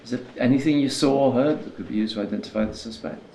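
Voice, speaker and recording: A man playing a police sergeant conducting a recorded interview, formal and questioning, growing skeptical. His mid-pitched voice echoes in a roomy interview room with faint noise. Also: quick pace, creaky, warm tone, close to an everyday voice.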